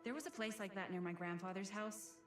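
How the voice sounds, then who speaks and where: A woman's voice: medium pitch, brisk, close to an everyday voice. Woman acting a mild teenage girl, echoey. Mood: mild, hopeful. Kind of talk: video game voice acting. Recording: echoey, distant game dialogue over music.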